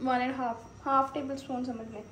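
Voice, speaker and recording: A young woman with a high voice talks through her housework and cooking in a chatty home vlog. She calls out to viewers as guys as she goes. Her voice is captured on a handheld phone, with clear background noise from the kitchen and traffic outside. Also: little pitch movement, normal speed. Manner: chatty, addresses viewers as guys, narrates chores step by step. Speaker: vlogger. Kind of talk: casual chatty vlog narration. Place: apartment kitchen and laundry area, indoors.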